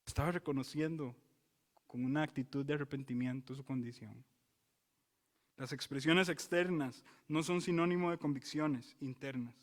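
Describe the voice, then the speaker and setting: A male pastor preaching in a church sanctuary. He swings from loud, emphatic exclamations to quiet, solemn warnings and keeps asking the congregation rhetorical questions. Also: mid-range voice, fairly even intonation, moderate pace, in a large hall. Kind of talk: expository sermon.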